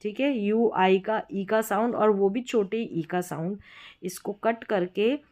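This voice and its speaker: A woman gives an unhurried spelling lesson, sounding out each word. She often repeats a word and asks it back to her viewers. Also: mid-range voice, darkish tone, highs cut off. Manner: repeats words slowly and asks questions back. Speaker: English spelling teacher. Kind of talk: explanatory classroom lesson.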